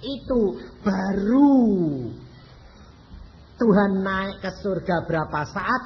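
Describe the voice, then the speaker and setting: A man's voice: sits high, expressive, slow pace. A man preaching a sermon, often asking the congregation rhetorical questions. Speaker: evangelist preacher. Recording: dull lo-fi sermon recording, faint noise.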